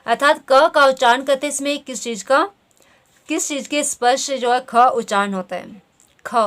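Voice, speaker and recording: A woman's voice: on the high side, fairly bright tone. A woman teaching grammar, walking through quiz questions and repeating "theek hai" as she explains. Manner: says "theek hai" constantly, reads options slowly.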